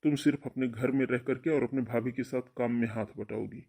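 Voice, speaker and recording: This man's mid-range voice is gravelly and darkish, fairly quick, with fairly even intonation. Playing a domineering older brother in a cartoon family melodrama, he scolds and barks orders in an angry, commanding way.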